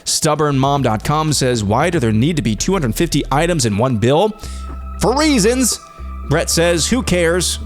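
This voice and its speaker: A man's voice: on the high side, animated, normal speed, hardly any pauses, soft background music. Blunt opinionated male news host. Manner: blunt, opinionated, reads out listener comments. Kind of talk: news commentary podcast.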